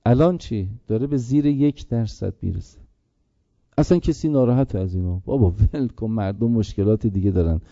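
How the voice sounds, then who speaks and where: A man preaching a religious sermon, impassioned, slowing into a chanting mourning lament, on a dull lo-fi recording. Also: lowish voice, dark tone, no room sound. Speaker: preacher reciting a mourning elegy.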